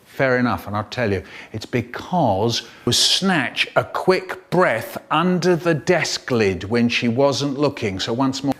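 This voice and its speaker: A man's voice: medium pitch, lively intonation, slow, hardly any pauses, fairly bright tone. A man telling comic childhood stories in a playful way, with sound effects. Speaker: comedian. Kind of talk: comic storytelling.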